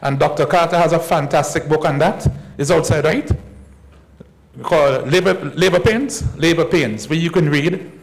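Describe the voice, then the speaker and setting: A man lectures as a historian at a conference. His voice sits a touch high, with a gravelly edge. He speaks in a measured way and repeats key points slowly. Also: low-quality recording. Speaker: historian giving a conference talk. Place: conference hall.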